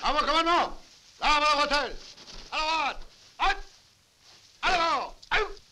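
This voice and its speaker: A brisk drill sergeant, barks out commands at the top of his range. The delivery is piercing and sharp, swinging widely in pitch, in the manner of a dubbed military adventure. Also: expressive, full character voice. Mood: barking orders. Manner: barking orders like a drill sergeant. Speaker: army sergeant. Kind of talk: dubbed adventure film acting.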